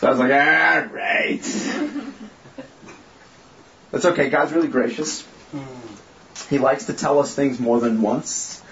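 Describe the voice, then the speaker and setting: A man's voice: medium pitch, steady tone, moderate pace, a little hiss or hum. A young man leading a church group, giving a candid, self-mocking informal sermon and acting out the voices he quotes. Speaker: small-group church leader. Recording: echoey room, dull lo-fi sound.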